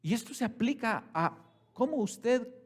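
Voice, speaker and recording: A man preaching a sermon as pastor, calling the congregation brothers and putting questions to them, swinging from quiet, slow passages to loud, raised ones. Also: very high voice, lively intonation.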